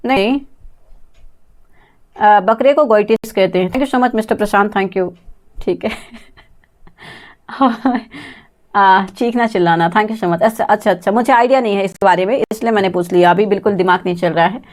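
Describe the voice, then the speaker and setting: With a mid-range, darkish voice at a moderate pace, the woman leads her live online English test-prep lesson. She picks out students by name from the chat, invites the class to answer, spells out words letter by letter and often breaks into laughter.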